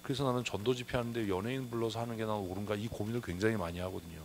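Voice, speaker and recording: A man's voice: fairly low pitch, fairly even intonation, rapid-fire, a little hiss or hum. A man preaching a sermon as pastor, emphatic, often asking rhetorical questions. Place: church sanctuary.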